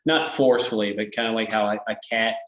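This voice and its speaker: A man's voice: lowish voice, steady tone, fast talker, a bit bright, echoey room, rough recording. A man running a tabletop game as game master, describing scenes in a hesitant way with many fillers.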